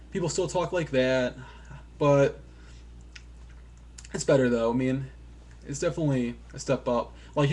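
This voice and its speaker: A man's voice: medium pitch, darkish tone. A man giving a casual, rambling game review, full of fillers, offhand and self-deprecating, with casual swearing.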